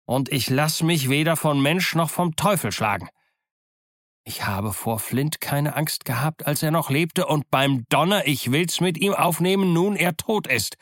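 A man doing a gruff, scornful old pirate. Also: a little high, no room sound, studio quality, voice pushed up. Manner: bold, scornful, loud. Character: gruff old one-legged male pirate captain. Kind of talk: audiobook character voice.

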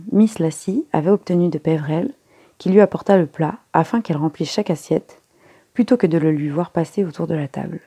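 A woman reading a story aloud as narrator, lifting her voice for the characters' lines, with a husky tone. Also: mellow, dry recording. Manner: voices the characters' lines with raised pitch and force. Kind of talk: audiobook reading.

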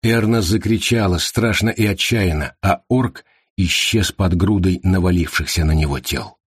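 A man reading a story aloud as narrator in a steady, even manner. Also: low-pitched, normal speed, husky, no echo, clean studio sound. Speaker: audiobook narrator. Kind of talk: scripted narration.

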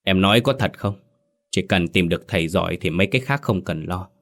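Man doing a deep earnest big brother, worried but firm. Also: fairly quick, a bit bright. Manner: low, earnest. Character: eldest brother, worried and resolute.

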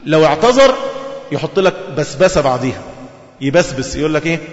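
Fast, high-voiced Egyptian preacher. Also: male voice. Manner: lively, asks the audience rhetorical questions. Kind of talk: sermon. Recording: echoey hall, dull lo-fi sound.

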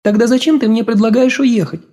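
A male narrator voicing a teasing, sharp-tongued young woman in an audiobook, firing off pointed, reproachful questions. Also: very high voice, fairly quick, voice pushed up. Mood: prying. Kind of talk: audiobook character voice.

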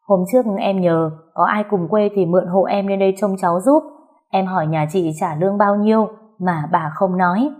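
A woman's voice: medium pitch, fairly even intonation, moderate pace, a little mellow, close to an everyday voice. Woman doing a chatty, nosy neighbor woman. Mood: curious.

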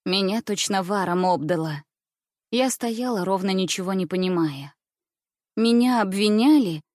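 A woman narrating an audiobook with expressive storytelling. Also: medium pitch, a little slow, no room sound, clean studio sound.

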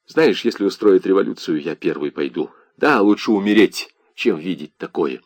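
Man doing a bitter beaten soldier in a storybook, angry and low, dry sound. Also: expressive, moderate pace, a little mellow, no echo. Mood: bitter despair. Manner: bitter, agitated. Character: bitter, despairing male soldier back from the front.

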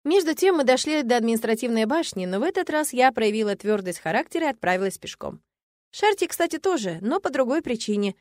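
A woman narrating a first-person audiobook with lively storytelling. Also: fairly high pitch, fast talker, dry recording. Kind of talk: scripted narration.

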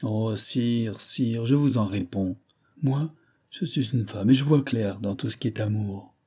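A young noblewoman pleading passionately with a king, as a male audiobook reader gives her voice. The tone is dark and low in brightness, with a husky grain. Her lines come out impassioned in this storybook reading. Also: unhurried.

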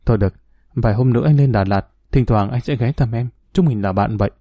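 A man's voice: mid-range voice, fast, dark tone, breathy edge, no echo, studio quality, lightly acted. A man reading as a sad, resigned ex-husband. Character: sad, patient middle-aged ex-husband.

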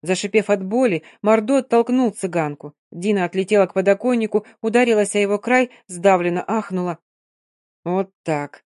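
A woman reading a novel aloud in a steady, measured narrating voice. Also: medium pitch, no room sound, clean studio sound. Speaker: audiobook narrator.

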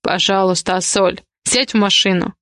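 A woman's voice: fairly even intonation, fairly bright tone, no room sound, clean studio sound, close to an everyday voice. Woman voicing a domineering angry guardian man. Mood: restrained. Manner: curt, commanding, low and slow.

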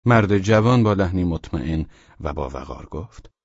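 A man narrating an audiobook in a calm, even storytelling manner. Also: sits low, slightly rough, no room sound, lo-fi sound.

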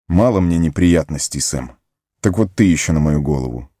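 A man voicing a weary, resolute young male hobbit in an audiobook, earnest and gently firm. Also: rumbling low, animated, moderate pace, no echo, studio quality. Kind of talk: audiobook character voice.

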